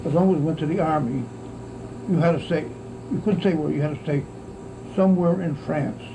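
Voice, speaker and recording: Over a constant insect-like buzz in a noisy recording, a very elderly man from the United States, in his 90s or older, reminisces casually about growing up in wartime. His aged, creaky voice sits on the high side, and as a grandfather telling oral history he halts and rambles, frequently adding "see."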